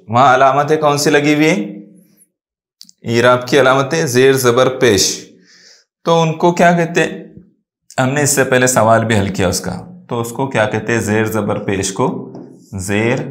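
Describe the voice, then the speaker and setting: Male teacher with an Urdu accent, mid-pitched, patient, quizzes then answers his own questions, roomy echo. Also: a bit bright. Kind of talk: exam-prep grammar lesson.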